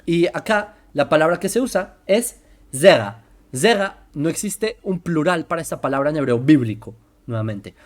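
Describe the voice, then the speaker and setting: A presenter explaining religious texts in a commentary lesson, slowing down to spell out terms and often asking whether listeners follow. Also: mid-range voice, expressive. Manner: keeps checking listeners follow, asking "right?"; slows down to spell out terms and examples.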